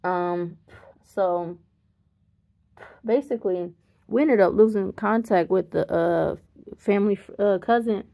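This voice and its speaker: A woman's voice: mid-range voice, slow pace, gravelly, long pauses, mellow. A tired woman in her thirties tells a family story in casual, rambling talk. She corrects herself often and chuckles partway through sentences. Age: 30s. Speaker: vlogger. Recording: slightly dull lo-fi sound.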